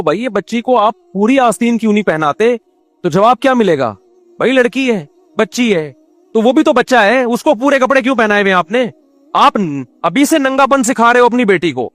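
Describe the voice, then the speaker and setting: A man with a Pakistani Urdu accent preaches in a fairly high voice and fires off rhetorical questions, breaking into Quranic Arabic recitation now and then. The sound is dry and close to the mic, with faint music behind him. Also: fairly bright tone, no room sound. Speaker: Islamic scholar giving a sermon. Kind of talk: sermon.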